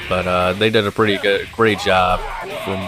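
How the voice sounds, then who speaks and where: A man gives laid-back gameplay commentary in a low, flat monotone, rambling along with plenty of fillers. Game music plays clearly underneath his voice. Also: normal speed. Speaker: gaming channel host.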